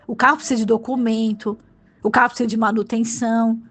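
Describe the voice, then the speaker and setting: A woman's voice: on the high side, flat delivery, fast, fairly bright tone. A woman bishop with a Brazilian Portuguese accent, preaching a fervent, emotional sermon full of exclamations.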